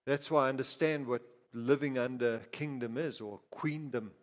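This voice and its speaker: A man from Zimbabwe delivers a sermon as pastor at a moderate pace in a medium-pitched voice. He speaks conversationally, repeating words, restarting and going off on asides, all within a reverberant church hall.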